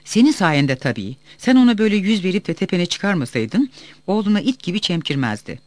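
A man's voice: high voice, very animated, brisk, a little mellow, no echo. A man voicing a landowner's stern older wife from a novel, scolding her husband and son. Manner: scolding, firm.

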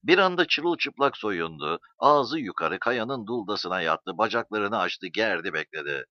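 A man narrating a story as an audiobook reader, in an expressive storytelling manner. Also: on the low side, unhurried, no room sound. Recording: dull dry recording.

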